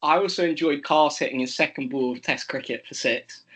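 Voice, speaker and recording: A young man co-hosting a casual sports chat, chatty and quick to laugh, with fillers and restarts. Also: a little high, fairly bright tone. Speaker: co-host.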